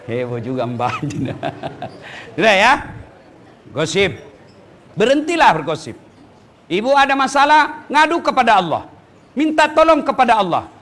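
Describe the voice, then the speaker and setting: A middle-aged man giving a humorous sermon to a women's study group, playfully mimicking wives and husbands between loud punchlines and low asides. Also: very animated, unhurried, long pauses, some chatter behind. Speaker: preacher.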